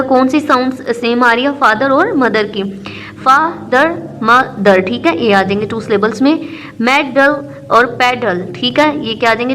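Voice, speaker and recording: High-voiced woman teaching a lesson. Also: a bit bright. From Pakistan. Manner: explains patiently, repeats points, reads English lines slowly. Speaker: English teacher. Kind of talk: recorded lesson explanation.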